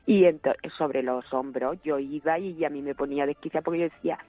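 A woman calling into a radio show, slightly hoarse from a cold, telling a chatty, rambling story. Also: deep voice, fairly quick, dry recording, soft background music. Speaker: radio caller. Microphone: telephone. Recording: dull phone line.

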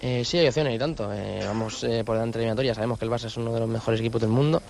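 A man in his twenties, a footballer, giving a modest, halting post-match interview with repeated words. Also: mid-range voice, gravelly, darkish tone, slight background noise. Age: 20s.

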